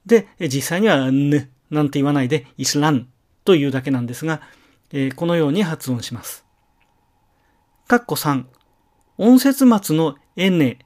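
Man, middle-aged, language lecture, slow and methodical, slightly high voice. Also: lively intonation, darkish tone. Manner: slow, methodical, with careful demonstration pronunciations. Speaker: language teacher.

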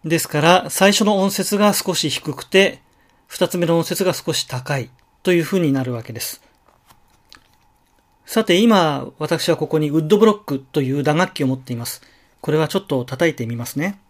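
A man acting out a patient pronunciation teacher, lecturing slowly in a slightly raised voice. He stops often to sound out single syllables and short words with care. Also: on the high side. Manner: slow, careful, with drawn-out model syllables. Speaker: language teacher. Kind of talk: slow instructional lecture.

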